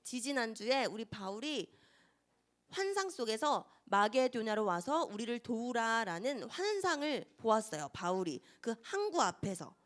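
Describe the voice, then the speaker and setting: Young woman Sunday school teacher, animated storyteller voice, quizzes the children. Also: a little high, measured pace. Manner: lively, asks children questions and acts out scenes.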